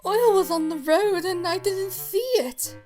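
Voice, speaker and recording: Elizabeth, a man doing a shrill snooty lorry. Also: a little slow, a little mellow, soft background music. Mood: meek. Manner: boastful, snooty, then meek. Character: haughty old female steam lorry.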